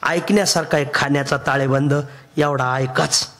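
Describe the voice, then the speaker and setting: A man from Maharashtra delivers a devotional kirtan sermon in a high voice. He tells stories with humour and sing-song emphasis, often laughing as he talks. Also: steady tone, normal speed, a bit bright. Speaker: kirtan preacher.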